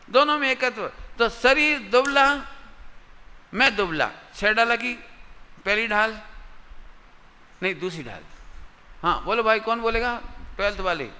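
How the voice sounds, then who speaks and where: A man with a high, very bright voice teaches a lively religious class for children, repeating words and quizzing pupils. He talks slowly and deliberately. The sound carries a long hall reverb. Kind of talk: interactive religious lesson.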